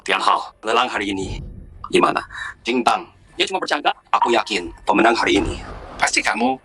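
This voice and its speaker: A man dubbing a middle-aged father who flatters the rich and scolds his daughter's boyfriend, in a drama. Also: on the low side, brisk, creaky, breathy edge, exaggerated voice. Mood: fawning. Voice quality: fawning, scolding. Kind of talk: dubbed drama dialogue.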